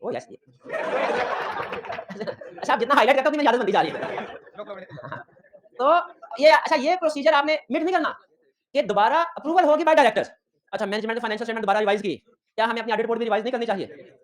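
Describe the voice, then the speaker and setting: A man's voice: very high voice, fast, pauses often. A man giving an audit lecture, who keeps checking whether his students follow and mixes in stories from his own work as an auditor. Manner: lively teaching with personal anecdotes. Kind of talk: classroom lecture.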